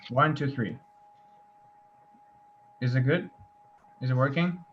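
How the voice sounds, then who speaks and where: A man hosts a casual interview over a video call, asking questions in an informal, easygoing way. His medium-pitched voice takes things slowly. The video call audio is dull, with faint noise.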